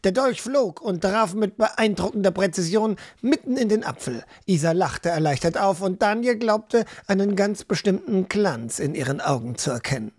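A man narrating a fantasy audiobook in an even, storytelling manner. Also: high-pitched, moderate pace, hardly any pauses.

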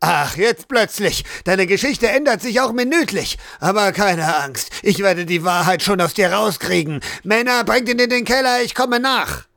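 A man's voice: high voice, animated, moderate pace, creaky, few pauses, a bit bright, dry recording, studio quality, full character voice. A man voicing a brutal male guard captain who barks orders and accusations in a harsh, commanding way. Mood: aggressive.

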